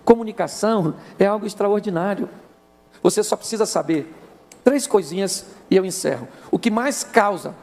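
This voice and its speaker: A Brazilian male pastor preaches with a high, gravelly voice. He tells jokey stories and keeps an animated, playful delivery throughout. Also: normal speed. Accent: Brazilian Portuguese. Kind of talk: humorous sermon.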